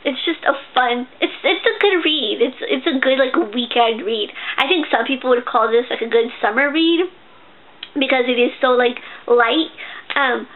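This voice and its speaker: A woman's voice: high-pitched, moderate pace. A young woman casually reviewing a book, chatty and gushing, with lots of fillers and restarts. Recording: tinny, phone-like sound.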